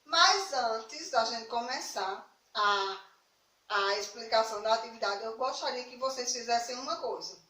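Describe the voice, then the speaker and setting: Speaking a little slowly, this young Brazilian teacher has a voice on the high side, pushed and bright. Her recorded lesson for primary school children is patient, built on questions she answers herself. The room echoes and the mic is a little distant.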